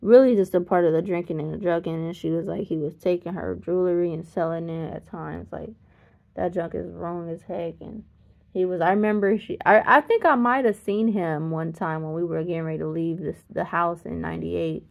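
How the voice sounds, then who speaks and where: Gravelly, tired woman rambling through a story. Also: fairly low pitch, steady tone, brisk. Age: 30s. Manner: rambling, self-correcting, chuckles mid-sentence. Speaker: vlogger. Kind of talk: casual storytelling. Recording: slightly dull lo-fi sound.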